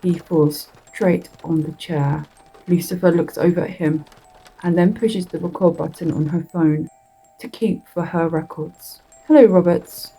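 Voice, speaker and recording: A woman narrating a horror story in a slow, deliberate reading that draws out its words. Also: low voice, fairly even intonation, warm tone, husky, faint music behind, poor audio.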